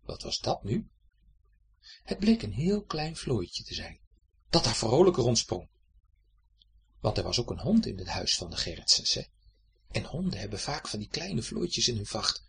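A storyteller reading a children's story aloud in a lively, expressive way, speaking directly to the young listener. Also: medium pitch, measured pace, vocal fry, long pauses, a little hiss or hum.

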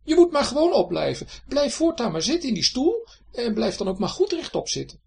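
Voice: mid-range voice, wildly swooping pitch, brisk, gravelly, darkish tone, husky, voice pushed up, full character voice. The narrator voicing a stern, bossy middle-aged wife in a children's storybook, insistent and commanding.

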